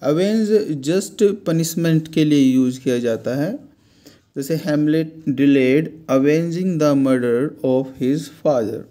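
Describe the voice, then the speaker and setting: A man teaching vocabulary, explaining word meanings slowly and repeating the words. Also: on the high side, dark tone. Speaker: English teacher. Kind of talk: vocabulary lesson in Hindi.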